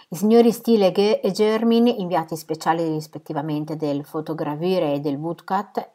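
A woman reading a novel aloud in a lower voice. She reads with feeling, leaning into the drama of the scene, and her tone stays steady and measured. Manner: expressive, shouts out quoted cries and drops to a whisper for tense moments. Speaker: audiobook reader.

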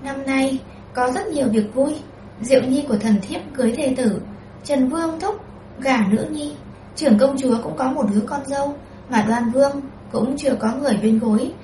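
A woman voicing a scheming imperial consort who talks softly and sweetly, in a roomy, distant recording. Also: high-pitched, normal speed, a little hiss or hum, voice pushed up, close to an everyday voice. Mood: honeyed. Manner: soft-spoken, sweetly persuasive.

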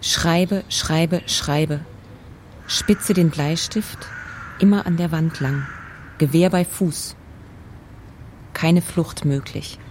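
Slow, dark-toned woman narrating. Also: deep voice, steady tone, a little hiss or hum. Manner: quiet, fragmentary, contemplative. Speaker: author narrator. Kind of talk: literary radio feature narration.

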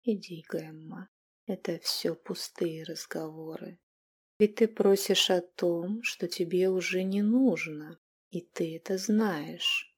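A woman voicing a calm, aloof male god held captive in chains, in an audiobook, speaking quietly and condescendingly. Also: fairly low pitch, takes it slowly, husky. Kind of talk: audiobook character voice.

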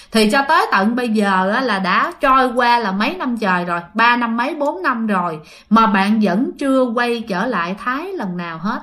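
A woman's voice: on the high side, fairly bright tone. A woman telling a ghost story in a chatty way, speaking to her listeners. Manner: chatty, addresses listeners, many fillers. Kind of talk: casual storytelling.

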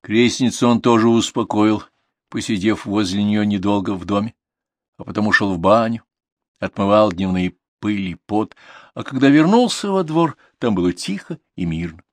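A man reading an audiobook in expressive storytelling narration. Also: on the low side, moderate pace, dry recording. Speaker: audiobook reader. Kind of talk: scripted narration.

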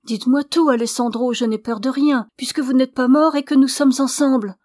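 A frightened young woman in love, urgent and pleading, as a woman reads her out. Her voice climbs higher and louder than the narration, carried on a dry, close sound. It is a storybook heroine with no room around her. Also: fairly even intonation, fairly quick, dry recording. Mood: tender, resolute. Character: young woman, anxious, devoted lover.

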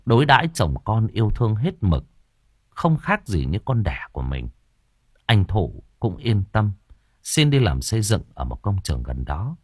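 A man narrating an audio novel in an expressive storytelling style. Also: fairly low pitch, normal speed, husky, no room sound, clean studio sound.

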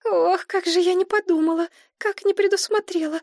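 A woman voicing a fussy, soft-hearted woman who exclaims and pleads in a high, fluttery way. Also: fairly even intonation, normal speed, no echo, studio quality. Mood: fussing.

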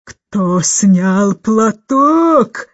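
A woman's voice: mid-range voice, measured pace, no room sound, close to an everyday voice. Woman reading as a stern, bossy old governess. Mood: furious. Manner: imperious, loud and scolding. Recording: dull lo-fi recording.

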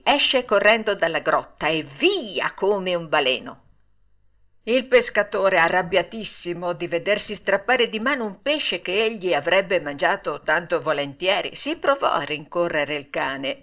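A woman narrating a classic children's tale as an audiobook, in an expressive storytelling manner. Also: mid-range voice.

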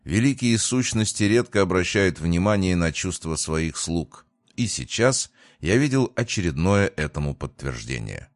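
Male narrator, low and measured, dry studio read, first-person audiobook. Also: sing-song, no echo.

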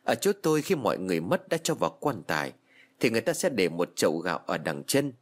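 Man, storyteller, low husky voice, lively pitch, emotional ghost story narration. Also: fast. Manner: emotional, heartfelt reading. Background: faint music.

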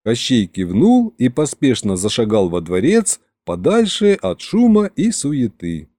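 A man narrating a humorous fantasy audiobook with lively storytelling intonation. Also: mid-range voice, measured pace, no room sound. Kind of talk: scripted narration.

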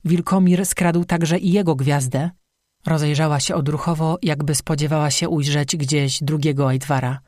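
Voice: medium pitch, steady tone, normal speed, darkish tone, no room sound. Dry, close audiobook narrator. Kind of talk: scripted storybook narration.

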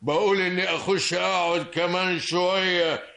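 An actor playing a sly, pompous psychology professor in an old Egyptian radio drama, with an Egyptian accent and a mock-polite, sneering manner. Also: male voice, high-pitched, steady tone, moderate pace, creaky, bright, forceful tone, exaggerated voice. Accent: Egyptian Arabic. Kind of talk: vintage radio drama acting.

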